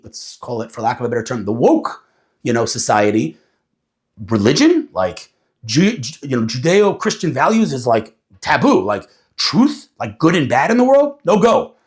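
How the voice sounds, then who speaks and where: A man talking casually to an audience, animated and acting out quoted voices as he explains. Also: mid-range voice. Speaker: speaker.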